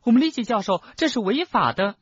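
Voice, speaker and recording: A man voicing a frightened, clever teenage schoolgirl witch in an audiobook, with loud, shrill, pleading outbursts. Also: lively intonation, fast talker, husky, no room sound, highs cut off, heavily acted. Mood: alarmed. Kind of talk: audiobook character reading.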